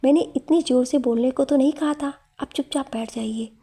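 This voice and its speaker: A woman voicing a shy, coy young female student in a read-aloud story, with a breathy, fairly high voice. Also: normal speed, warm tone. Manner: shy, teasing.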